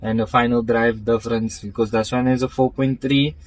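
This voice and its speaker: Halting man explaining his car. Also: medium pitch, little pitch movement, rough recording. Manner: halting, full of restarts and fillers, technical. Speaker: car owner showing his build. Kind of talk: casual interview.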